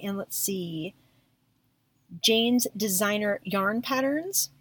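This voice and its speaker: A woman's voice: mid-range voice, slow, fairly bright tone, recorded from a distance. A woman co-hosting a podcast, talking casually and effusively as she reads from a list, with computer mouse clicks behind her. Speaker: podcast co-host.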